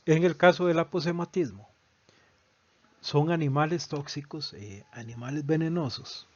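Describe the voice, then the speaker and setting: A man with a slightly high, somewhat mellow voice and a breathy edge teaches biology in a recorded online lesson. He explains patiently and often checks in with the listener through tag questions. The recording sounds dull and lo-fi, with a dry vocal.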